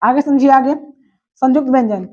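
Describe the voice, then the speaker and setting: A high-pitched woman teaches a grammar class. She drills her points by asking a question and answering it herself. The recording is dull and lo-fi. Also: moderate pace, a little mellow.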